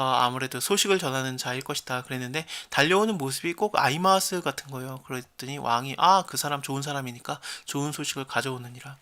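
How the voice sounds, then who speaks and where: A man with a bright, clear-edged voice gives a relaxed Bible study lesson. He retells the story in an easy, chatty way and slips into short quoted lines for the characters. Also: medium pitch.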